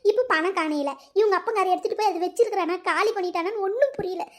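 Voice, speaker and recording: A woman's voice: very high voice, fast talker. A woman voicing a distressed village mother who wails and complains over lost money. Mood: distraught. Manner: wailing, complaining.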